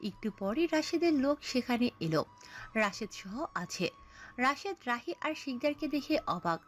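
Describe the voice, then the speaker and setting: A woman narrating a scripted audio story, telling it in an expressive storytelling manner. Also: high voice, a little slow, soft background music.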